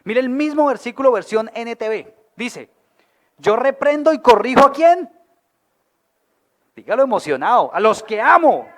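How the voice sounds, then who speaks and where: Lively high-voiced Colombian pastor preaching. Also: male voice, normal speed, long pauses. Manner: lively, asks the audience questions; colloquial and humorous. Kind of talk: sermon.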